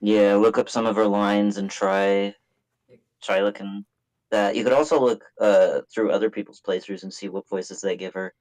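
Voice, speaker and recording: A man's voice: lowish voice, steady tone, moderate pace, darkish tone, poor audio. A young adult man co-commentating on a game in a casual, informal, slangy way. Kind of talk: casual chat.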